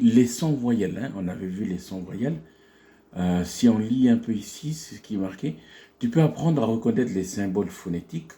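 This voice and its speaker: A male teacher walks through a phonetics lesson at an unhurried pace, often pausing and restarting his sentences. His voice is relaxed and dark-toned, and he slowly draws out each example word so it can be copied. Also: medium pitch. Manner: slow, halting explanation with many fillers and restarts; stretches out English words to model pronunciation. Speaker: English teacher.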